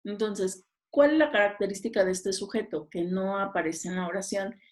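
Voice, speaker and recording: A woman's voice: mid-range voice, normal speed. A woman teacher, reading exam questions aloud and talking through each answer, often checking in with her listeners. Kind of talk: exam review lesson.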